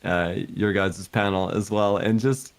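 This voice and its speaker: A man chatting casually as a guest on a stream, easygoing and admiring, in halting phrases. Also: fairly low pitch, steady tone. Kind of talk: casual chat.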